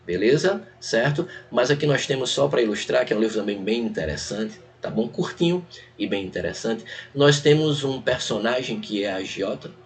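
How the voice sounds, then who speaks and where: A man's voice: medium pitch, expressive, moderate pace. A man with a Brazilian Portuguese accent teaching an online exam-prep lecture. He talks in a conversational way, walks through a text point by point and keeps checking in with his students.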